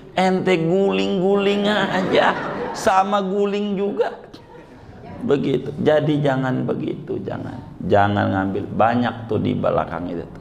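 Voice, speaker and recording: A man's voice: mid-range voice, gravelly, a little hiss or hum. A male Islamic preacher from Banten, giving a humorous sermon, chatty and joking, acting out little scenes and repeating words for effect. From Banten, Indonesia.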